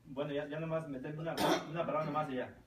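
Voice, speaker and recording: A man leads a relaxed Bible class, rambling and dotting his points with tag questions. He sounds set back from the mic in a roomy space, with faint noise underneath. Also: on the high side, fast, distant mic. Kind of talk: informal Bible teaching.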